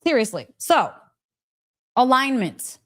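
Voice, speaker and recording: This spiritual teacher, a woman with a fairly high and fairly bright voice, talks slowly with big pitch swings while hosting a casual live story session. Gushing and emphatic, she repeats phrases for weight and speaks straight to her audience, checking in often with small questions.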